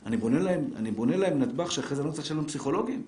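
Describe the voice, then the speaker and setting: A middle-aged rabbi, slightly high-voiced, lectures with energy during a live Torah lesson. The seated audience is addressed directly through rhetorical questions, and the lecture room gives off a roomy echo.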